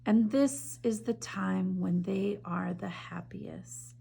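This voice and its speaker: A woman teacher reading a picture book aloud in a gentle, measured way, then chatting enthusiastically about its illustrations. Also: medium pitch, fairly even intonation, creaky, slight background noise. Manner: gentle, measured reading with soft drops in volume; enthusiastic, chatty when discussing the art. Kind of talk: slow storybook read-aloud, then art discussion.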